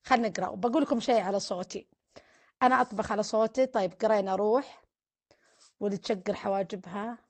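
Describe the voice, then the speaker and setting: A woman's voice: mid-range voice, fast. A woman, a family counselor hosting a casual live stream, reading viewer comments aloud, teasing them and offering blessings.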